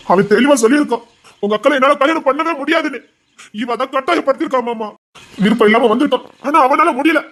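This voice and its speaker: A man's voice: very high-pitched, a bit bright, pitched above the performer's own voice. A man acts out a remorseful young man who blames himself. His voice cracks as he pleads and sobs. It is an anguished, raw voice from a Tamil audio drama. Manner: pleading, choked, sobbing. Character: guilt-ridden young man, remorseful and sobbing.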